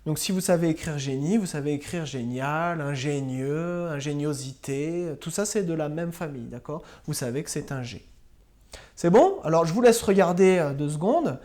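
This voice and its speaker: A patient female primary school teacher slowly spells out words for children in a recorded remote spelling and grammar lesson. Her voice is low, mellow and animated.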